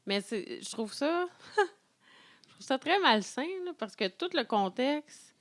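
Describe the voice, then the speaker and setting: A woman's voice: high voice, expressive, slow, a bit bright. A woman with a Quebec French accent, co-hosting a casual book-club podcast and talking hesitantly, with many restarts. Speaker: podcast co-host.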